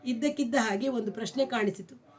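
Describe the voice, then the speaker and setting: A middle-aged woman reading a novel aloud as a storyteller, calm and even. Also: on the high side, brisk, background noise.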